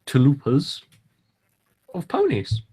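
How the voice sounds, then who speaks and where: A man's voice: medium pitch, huge pitch swings, slow pace, warm tone, husky. Rambling man in casual podcast chat. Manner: rambling, hesitant, lots of ums and restarts. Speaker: podcast host.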